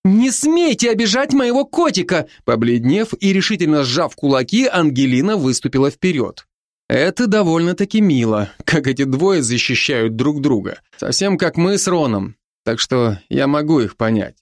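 Expressive male audiobook narrator. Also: medium pitch, moderate pace, no echo, clean studio sound. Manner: expressive, ironic storytelling. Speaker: first-person narrator.

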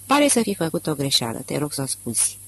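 A male audiobook reader voicing a calm, polite salesman who stays pleasant while he bargains. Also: on the high side, exaggerated voice. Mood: calm bargaining. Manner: amiable, calm, smooth.

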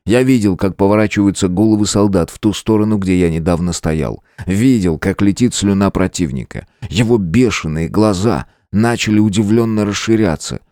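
Low, dark-voiced male narrator. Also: no room sound, studio quality. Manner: steady, measured storytelling. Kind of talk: first-person audiobook narration.

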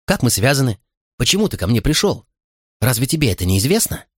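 A man's voice: medium pitch, sing-song, a little fast, fairly bright tone, slightly rough, no room sound, clean studio sound, voice pushed up. A man voicing an anxious young boy who presses with emotional, pleading questions in an audiobook.

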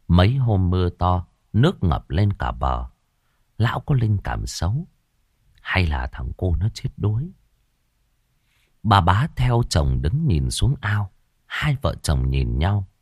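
Man narrating an audiobook, lowish voice that swings wildly, dry close sound. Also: a little mellow, slightly rough, dry recording. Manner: dramatic storytelling with shifting voices. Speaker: storyteller.

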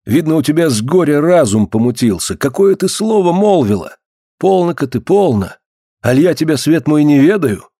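A man's voice: a little high, very animated, normal speed, warm tone, slightly rough, no echo, studio quality, pitched above the performer's own voice, exaggerated voice. A man reading the part of a proud old-Russian boyar in an audiobook, speaking in a grave, archaic, indignant way. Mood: shocked. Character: proud, angry middle-aged old-Russian boyar lord.

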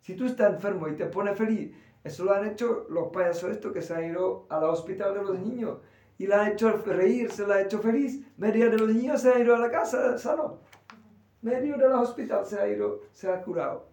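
Animated high-voiced teacher. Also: male voice. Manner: animated, acts out voices, quick asides. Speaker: spiritual teacher. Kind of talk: spiritual class talk. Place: temple hall. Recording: echoey room, voice far from the mic.

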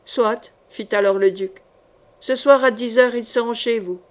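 A woman's voice: fairly high pitch, unhurried, natural voice. A woman doing a curt, commanding duke. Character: proud commanding male duke, stern.

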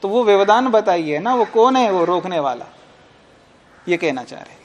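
A man teaching a class on a classical philosophy text. He reads Sanskrit lines slowly, explains them in plain terms, and asks the class questions that he then answers himself. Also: sits high, expressive, slight background noise.

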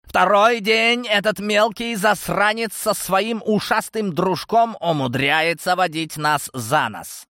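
A man's voice: slow, few pauses, no echo, studio quality, full character voice. A man voicing an older, wrathful crime boss who roars and blusters at his family. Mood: furious. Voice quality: roaring shouts. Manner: swings from low menacing drawl to high furious yells.

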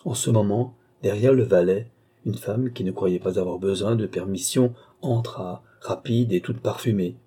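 A man narrating an audiobook, reading at a measured, steady pace. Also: fairly low pitch, breathy edge. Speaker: audiobook reader.

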